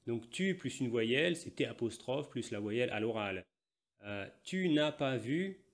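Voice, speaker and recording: A man who is a native French speaker, teaching a language lesson and repeating example phrases slowly and carefully. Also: mid-range voice. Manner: slow deliberate repetition of example phrases; switches between Portuguese and French explanations. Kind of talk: language lesson explaining grammar.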